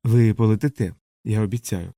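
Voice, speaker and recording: A man voicing a calm, aloof gentleman who answers softly and coolly in a dry, close audiobook recording. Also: lowish voice, moderate pace, no echo, natural voice.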